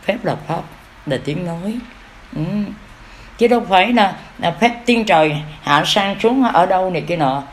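A woman's voice: lowish voice, lively intonation, normal speed, a little hiss or hum. A woman with a Southern Vietnamese accent giving an impromptu dharma talk as a lay preacher, in a folksy way, asking rhetorical questions and acting out little everyday exchanges.

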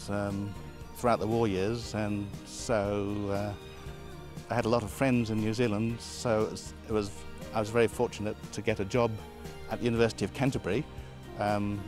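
A man's voice: fairly low pitch, level tone, fairly quick, music in the background. A man, an astronomy professor answering interview questions in a modest, thoughtful way with small restarts. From Britain. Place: outdoors beside an observatory dome on a hill.

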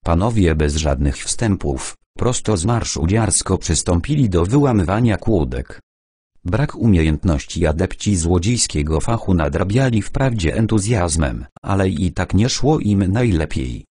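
A man narrating a first-person audiobook in a measured, deliberate storytelling manner, recorded on a close studio mic. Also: sits low, expressive, a little mellow, slightly rough, no echo.

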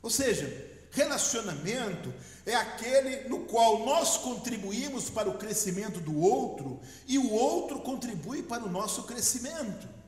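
A middle-aged man from Brazil with a Brazilian Portuguese accent, preaching a lively sermon as pastor and leading the congregation in call-and-response. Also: extremely high pitch, normal speed. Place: large church hall. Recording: echoey church hall.

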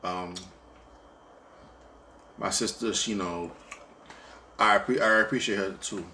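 A man co-hosting a casual couple's chat while eating, talking haltingly with frequent restarts. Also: fairly low pitch, fairly even intonation, sharp tone, slight background noise. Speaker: co-host.

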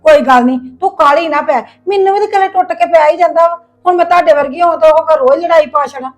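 A middle-aged woman playing a patient mother-in-law who gently advises and reassures in a family drama. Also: very high-pitched, fast talker. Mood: soothing. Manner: coaxing, reassuring, lecturing softly. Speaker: actor in a family web drama. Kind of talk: acted family drama dialogue.

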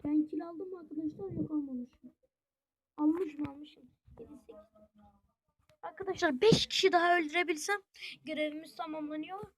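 A gaming YouTuber giving casual gameplay commentary, chatty and excitable, constantly talking straight to the viewers as friends. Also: high voice, moderate pace, pauses often. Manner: excitable, reacting out loud to the match.

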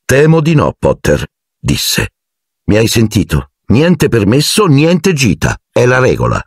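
A man's voice: medium pitch, wildly swooping pitch, a little slow, husky, dry recording, clean studio sound, voice pushed up, exaggerated voice. A man voicing a strict, formal older woman teacher in an audiobook, clipped and authoritative. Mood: stern. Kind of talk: audiobook character voice.

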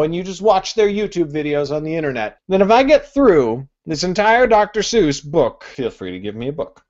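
A man's voice: fairly high pitch, a little mellow, highs cut off. A young male vlogger doing a tongue-twister challenge to camera, theatrical and often interrupting himself. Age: young adult. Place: living room, indoors. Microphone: webcam at desk distance.

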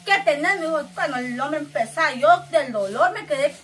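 A woman's voice: high-pitched, lively intonation, fairly quick, fairly bright tone. A woman telling her own story in a rambling, breathless way, full of broken restarts. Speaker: woman telling of being beaten. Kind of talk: emotional first-person account.

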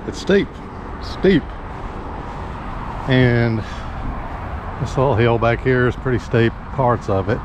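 A middle-aged lawn care worker vlogs as he walks outdoors through a hotel parking lot and slopes, speaking casually and haltingly in a mid-range voice. He holds an action camera at arm's length, and traffic noise fills the recording.

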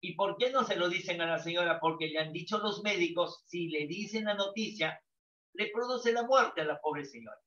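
A man's voice: high-pitched, normal speed, fairly bright tone. An older man, teaching a psychology class and asking and answering his own questions. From Peru. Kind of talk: lecture to students. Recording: echoey, distant, dull lo-fi sound.

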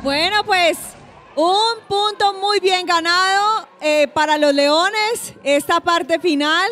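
Very high-pitched woman cheering competitors on. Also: slow pace, sharp tone. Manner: cheering, encouraging, short exclamations. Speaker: game show co-host and commentator. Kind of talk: enthusiastic sports commentary.

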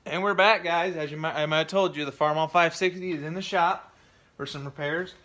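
A young man, a farm vlogger, chats easygoingly to viewers while unboxing tractor parts and handling them in a farm workshop, in casual shop talk. His voice is on the high side, steady, brisk, pushed and bright, recorded on a phone camera held close.

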